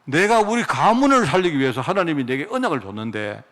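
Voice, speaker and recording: A man's voice: on the high side, sing-song, fast talker, fairly bright tone. A male pastor, preaching a sermon full of rhetorical questions and stories.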